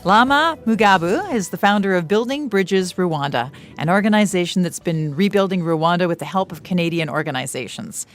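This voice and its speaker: A woman hosting a morning radio show, introducing and questioning guests in a studio with a polished, clear broadcaster delivery. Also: on the low side, lively intonation, brisk, hardly any pauses, soft background music.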